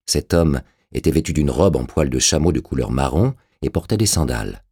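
A male narrator reading an audiobook with measured drama. His voice sits very low and has a husky edge throughout. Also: animated, warm tone.

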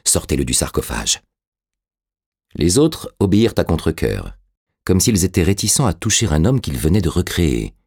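A man reads the story in an extremely deep, husky voice, measured and steady in his storytelling. The recording is dry and close, with no room sound behind him. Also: no room sound. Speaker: narrator. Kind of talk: audiobook narration.

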